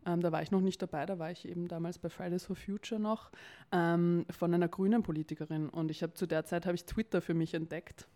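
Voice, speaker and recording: A woman's voice: fairly low pitch, fairly even intonation, a little fast, dark tone. A young woman with a Viennese accent, talking casually as an interview guest, with frequent fillers. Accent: Viennese Austrian German. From Vienna, Austria. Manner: talkative, many fillers, occasional laughs. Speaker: interview guest, campaign spokesperson.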